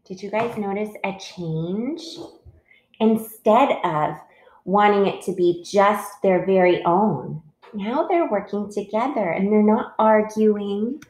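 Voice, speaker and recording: A woman reading a picture book aloud to children as a teacher, gently stopping to ask them questions. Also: mid-range voice, slow. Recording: roomy echo.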